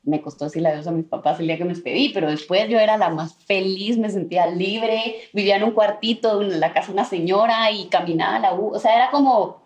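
Guest: young Guatemalan woman, animated talker, mid-pitched, echoey room. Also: fast talker, hardly any pauses, dull audio. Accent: Guatemalan Spanish. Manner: animated, mixes in English words. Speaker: guest singer-songwriter. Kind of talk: casual storytelling interview. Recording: roomy echo.

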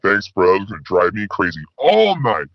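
A man playing a rambling, slang-talking male spy who calls in with his voice pitched down. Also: wildly swooping pitch, moderate pace, gravelly, no echo, full character voice. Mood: laid-back. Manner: stoner slang, rambling, laid-back. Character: slacker male spy caller with disguised voice. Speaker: caller. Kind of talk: comedy call-in sketch. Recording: dull lo-fi phone call.

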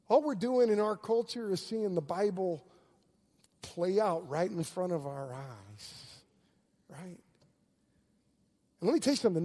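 A middle-aged man preaching a sermon, telling stories animatedly, with frequent restarts and swings between loud and hushed delivery. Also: high voice. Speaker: pastor.

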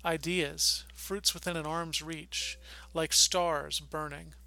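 A man with a strikingly bright, crisp-edged voice, set a little high and touched with gravelly fry. He reads poetry aloud in measured phrases, pausing deliberately at the line breaks. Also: level tone, poor audio. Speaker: podcast host reading a poem aloud.

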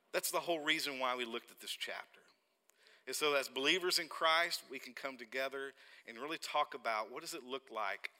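A man's voice: fairly high pitch, sharp tone. A man with an Arkansas accent preaches as a missions pastor in a folksy way, repeating phrases and putting questions to his listeners. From Oklahoma, United States. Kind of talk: sermon to a congregation. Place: large reverberant church room. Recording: long hall reverb.

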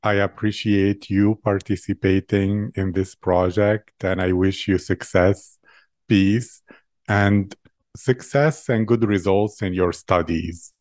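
A man interviewing a guest in a formal, sincere way, with deliberate phrasing. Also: deep voice, fairly even intonation, darkish tone, no room sound.

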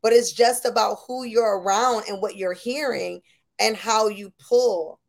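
A woman's voice: medium pitch, unhurried, creaky. A woman from Buffalo, New York, hosting a podcast in casual conversation, chatty and affirming with lots of fillers. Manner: chatty, affirming, full of you-know fillers. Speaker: podcast host.

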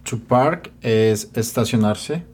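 Slow, careful man repeating after teacher. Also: medium pitch, a little mellow, slightly rough. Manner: slow, careful, a little hesitant. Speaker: student co-host. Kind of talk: lesson podcast, repeating words aloud.

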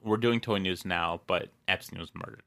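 A man's voice: deep voice, normal speed, bright, forceful tone. A man appearing as a podcast guest, stammering and hiccuping as he chats. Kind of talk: casual chat.

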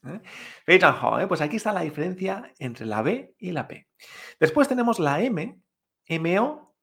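A Spanish-speaking man gives a pronunciation lesson in a fairly high voice. He explains step by step, slows down to model sounds, and keeps checking in with the listener. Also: sing-song, creaky, fairly bright tone. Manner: patient, explanatory, checks in with frequent "¿eh?" tags. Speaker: Chinese pronunciation teacher. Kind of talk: online language lesson.

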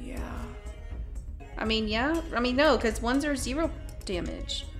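A woman's voice: a little high, measured pace, faint music behind. A woman playing in a tabletop game, casual and self-deprecating, swearing lightly. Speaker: player.

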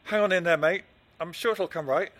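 An actor playing an ordinary, attentive husband in a naturalistic drama, soothing and slightly hesitant. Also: male voice, high-pitched, fairly quick, a bit bright. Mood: awkward, evasive. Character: attentive, placating husband, an ordinary office worker.

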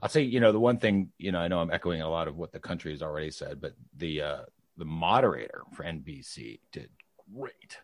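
Low-voiced man, casual political chat. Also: fairly quick, dry recording, studio quality. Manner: sarcastic, animated, many restarts. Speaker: podcast co-host.

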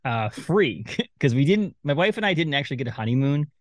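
Male podcast host, thirties, rambling and laughing, quick delivery, dry close mic. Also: mid-range voice, sing-song, no echo. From Maine. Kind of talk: casual chat.

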